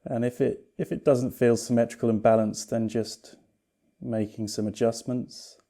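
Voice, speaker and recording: A man teaches a guided yoga meditation at a medium pitch, his manner unhurried and calm. The delivery is gentle, soothing and reassuring.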